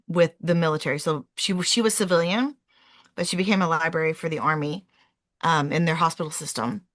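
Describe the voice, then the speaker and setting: A woman's voice: fairly low pitch, fairly bright tone, no room sound. A woman in her forties, a real estate investor answering interview questions in a chatty way, with many "um"s and self-corrections.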